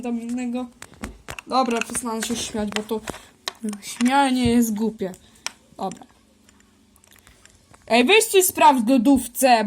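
High-voiced woman doing toy role-play. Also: slight background noise. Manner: playful, bickering, switches between character voices. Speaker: toy video creator. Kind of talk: improvised toy role-play voicing several characters.

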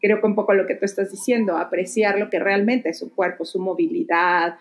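A woman hosting a casual podcast, speaking in a thoughtful, searching way with soft fillers as she works through her ideas. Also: medium pitch, little pitch movement, a little fast.

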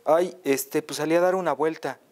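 A tiny, clever mouse from a storybook, as a man puts him on, boastful and sly, with a raised, squeaky voice. He talks quickly and cockily. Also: steady tone, darkish tone, natural voice. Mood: nervous.

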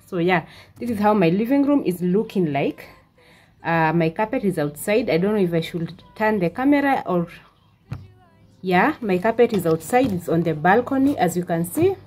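A vlogger in her twenties chats casually in a home vlog filmed in her living room, full of "uh" fillers and restarts. Her voice is fairly low, expressive, darkish, and slightly rough, with a moderate pace.

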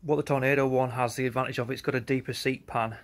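A fast-talking man with a medium-pitched, steady voice presents a product during an informal walkaround, sounding matter-of-fact and slightly hesitant. He's outdoors in a concrete yard beside some outbuildings, recorded on a handheld phone held behind the camera.

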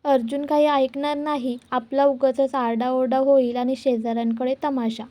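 A stern, cautious middle-aged mother voiced by a woman speaks with restraint in a high, mellow voice. The reading is close to the narrator's own plain tone. The recording is close and dry. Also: flat delivery, moderate pace, no echo, natural voice.

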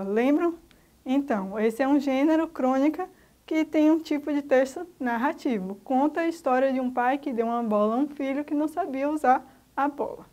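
High-voiced Brazilian teacher, slow and didactic. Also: female voice, a little mellow. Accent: Brazilian Portuguese. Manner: slow, didactic, spells out letters one by one. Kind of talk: recorded grammar lesson for children.

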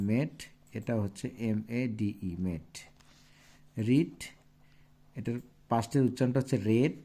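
Bangladeshi bengali accent guy teaching kids english, spells stuff letter by letter, mellow dark voice. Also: mid-range voice. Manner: explains slowly, spells out words letter by letter. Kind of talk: classroom lesson.

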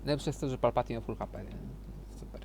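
A man commenting on his gameplay with a friend, swearing constantly and bursting into furious shouting. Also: mid-range voice, fast, a little hiss or hum. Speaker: gaming streamer.

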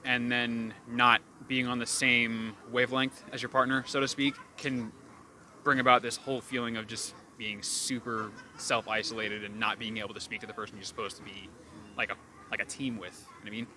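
Articulate man, very bright voice. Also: medium pitch, flat delivery, a little fast, a little hiss or hum. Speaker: interviewee. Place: outdoor city street.

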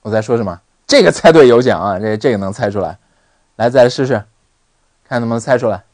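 Guy teaching english online, repeats words over and over, bouncy pitch, dry close sound. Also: quick pace, dry recording. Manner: animated, repeats words for drill. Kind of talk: online lesson.

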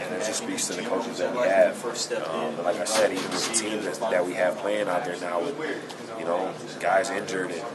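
A man in his twenties answering questions in a casual interview, informal and halting as he thinks aloud. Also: low voice. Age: 20s. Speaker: basketball player being interviewed. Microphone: handheld camera and recorders held near. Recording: loud crowd chatter behind the voice.

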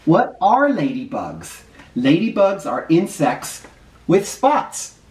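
Reading a picture book to young children, a middle-aged first grade teacher explains things simply and leans on key words. His high-ish, slightly mellow voice swings hugely in pitch at a slow pace, picked up by a nearby camera microphone that sounds roomy and distant.

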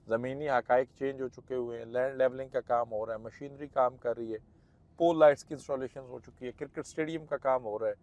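A man's voice: medium pitch, darkish tone, no echo. A man with a Pakistani Urdu accent giving a persuasive, emphatic sales commentary on a property site tour from a moving car. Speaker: property marketing host. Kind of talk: site-visit vlog commentary.

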